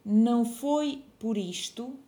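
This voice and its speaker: A dictation teacher, a woman with a soft, dark voice pitched on the high side, reads slowly and deliberately. She says each phrase twice in a measured way and calls out the punctuation aloud.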